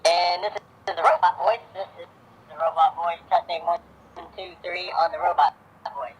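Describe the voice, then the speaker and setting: A man's voice: high-pitched, moderate pace, breathy edge, dull audio, voice pushed up. A man speaking through a doorbell voice changer, made to sound like a robot with an electronic filter, played back through the doorbell speaker. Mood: deadpan. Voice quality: electronic, processed. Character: male robot, flat and mechanical.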